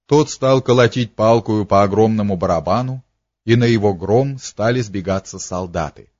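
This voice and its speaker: A man's voice: lowish voice, moderate pace, darkish tone, dry recording, highs cut off. A man narrating a historical novel as an audiobook, telling it steadily with a slight dramatic lift.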